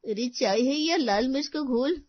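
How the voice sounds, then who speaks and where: Cartoon role: a woman playing a nosy neighbor aunt, sharp complaints, dry close sound. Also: sits high, expressive, normal speed, no echo, pitched above the performer's own voice. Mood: snippy. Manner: snippy, complaining. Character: gossipy middle-aged neighbor woman. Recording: dull dry lo-fi recording.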